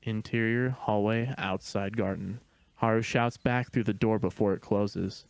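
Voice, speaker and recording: In a dry recording with no room sound, a man narrates scripted stage directions in a matter-of-fact manner. His fairly low voice stays very even, a little slow and creaky.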